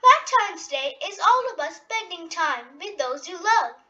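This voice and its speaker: A storybook reader voicing a kind, patient mother pig who explains things in a reassuring, measured way. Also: extremely high pitch, big pitch swings, pushed and bright, muffled recording, full character voice.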